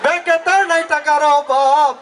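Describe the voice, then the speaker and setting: A man playing a clownish lovesick young man, very high-pitched. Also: steady tone, fairly bright tone. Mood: cheeky. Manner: theatrical, sing-song, drawn-out delivery. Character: clownish lovesick young man, cheeky, singing for his sweetheart. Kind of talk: comic folk stage drama, half-sung lines. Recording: noisy outdoor crowd, distant mic.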